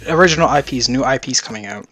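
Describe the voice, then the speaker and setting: A man's voice: mid-range voice, expressive, fast, a bit bright, faint music behind. A man rambling casually through his video game predictions in a vlog. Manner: rambling, loose and chatty. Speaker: gaming YouTuber.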